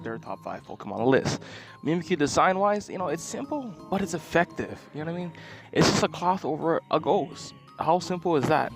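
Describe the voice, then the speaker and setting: Guy doing a chill top ten countdown, slangy, says man a lot, music playing behind him. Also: on the high side. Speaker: video host.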